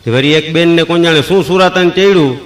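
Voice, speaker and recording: Pitched on the high side and talking briskly, a Kathiyawadi Gujarati-accented stand-up spins folksy comic tales. He performs the characters' dialogue, sings fragments of procession songs, and laughs along at his own jokes.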